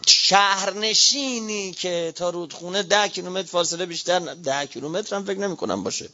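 Impassioned preaching man, high bright voice. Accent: Iranian Persian, Qom. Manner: impassioned, shouting rhetorical appeals. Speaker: cleric preacher. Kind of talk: fiery sermon. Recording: dull lo-fi recording.

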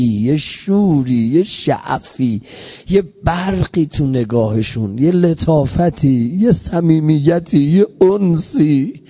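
A man's voice: sits high, breathy edge. A man preaching an emotional mourning sermon, repeating phrases as his voice swells and sinks. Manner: impassioned, repetitive, swelling and sinking in loudness. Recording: dull lo-fi recording.

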